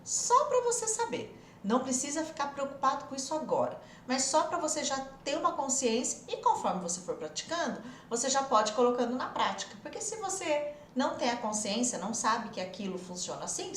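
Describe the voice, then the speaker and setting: Brazilian lady teacher, bit high, coaxing, talks you through it step by step. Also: fast talker, hardly any pauses, roomy sound, slight background noise. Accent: Brazilian Portuguese. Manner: animated, coaxing, explains step by step. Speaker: English teacher. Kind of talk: online language lesson.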